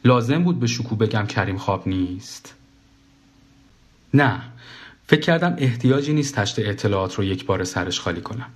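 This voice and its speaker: Man reading a wry first-person story. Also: lowish voice.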